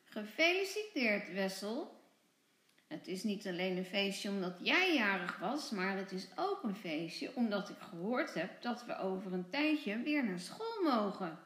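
A woman teacher reading a children's story aloud, slow and very animated in pitch. The delivery is clear and expressive, and the recording sounds roomy and echoey. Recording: echoey room.

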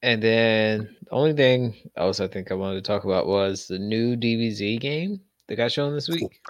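A man's voice: lowish voice, normal speed, no room sound. A man in a casual group chat, heard through dull, muffled audio.

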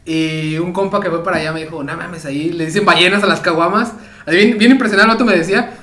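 A man with a Mexican accent, co-hosting a casual drinking chat in rapid slangy banter. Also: on the high side, sharp tone. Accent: Mexican Spanish. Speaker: podcast co-host. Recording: echoey room.

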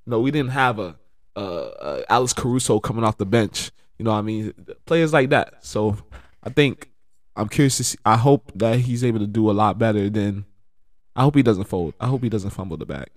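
A man in casual sports chat, rambling and relaxed, with lots of fillers and bursts of excited laughter. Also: lowish voice, brisk, dry recording, clean studio sound.

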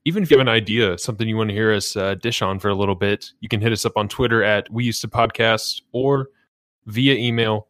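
Man, co-host, low-pitched, dry humor, dry close sound. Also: quick pace, a bit bright, dry recording. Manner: dry joking. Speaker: podcast co-host. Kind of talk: casual chat.

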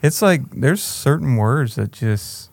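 A man's voice: mid-range voice, animated, slow, vocal fry, dry recording, clean studio sound. A man co-hosting a casual chat show, laid-back and musing, often trailing off mid-thought. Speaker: podcast co-host.

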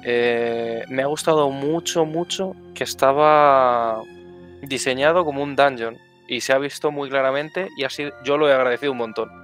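Male player, casual effusive feedback, mid-pitched. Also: a bit bright. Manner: effusive, repeats words for emphasis. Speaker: tabletop game player giving feedback. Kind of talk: casual post-game feedback chat.

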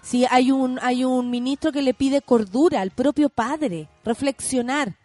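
A woman with a Chilean accent hosting a casual conversation, supportive and quick to finish the other speaker's thoughts. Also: high voice, a little mellow, no echo, soft background music. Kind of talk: casual chat.

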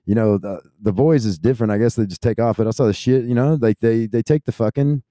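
A man's voice: mid-range voice, quick pace, warm tone, no echo, clean studio sound. A man in a casual rant, rambling and swearing heavily, full of fillers.

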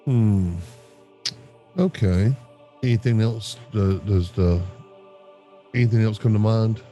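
A man talking casually as a player in a tabletop game, halting as he works out what his character does. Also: lowish voice, mellow, soft background music.

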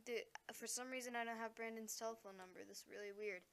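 A woman hosting a casual solo podcast, rambling and distracted, breaking into excited exclamations. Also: fairly high pitch, fast. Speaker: podcast host.

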